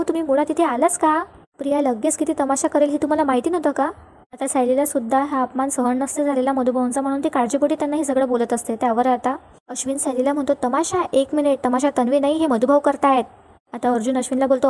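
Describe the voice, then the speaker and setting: A woman's voice: sits high, warm tone. A woman recapping a television serial episode, retelling each scene and reading the characters' lines in her own voice. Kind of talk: fast storytelling recap with quoted dialogue.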